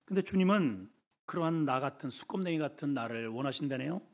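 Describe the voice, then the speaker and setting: A man's voice: fairly high pitch, expressive, fairly quick. A middle-aged man preaching a sermon as pastor, acting out voices and dialogue as he tells the story.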